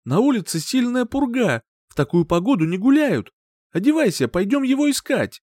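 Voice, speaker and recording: A man voicing a frantic, furious woman, a grieving mother, in an audiobook, shouting in fierce, high cries. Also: very animated, moderate pace, dry recording, studio quality. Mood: alarmed. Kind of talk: audiobook character voice.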